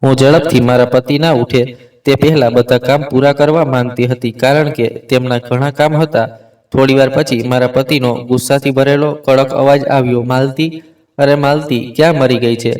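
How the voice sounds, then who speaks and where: A man narrating a scripted first-person story in an even, steady reading voice. His pitch sits in an ordinary middle range, and he sounds a little distant from the mic. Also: normal speed.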